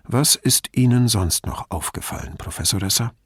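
Male narrator's measured police commissioner, husky, dry close sound, audiobook questioning. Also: medium pitch, no echo, close to an everyday voice. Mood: probing. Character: middle-aged male police commissioner, probing, calm.

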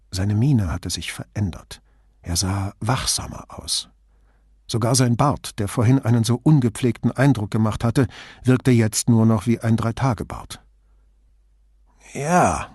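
Male audiobook reader, measured and even; husky tone, dry close sound. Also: lowish voice, no room sound. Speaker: audiobook narrator. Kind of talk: scripted narration.

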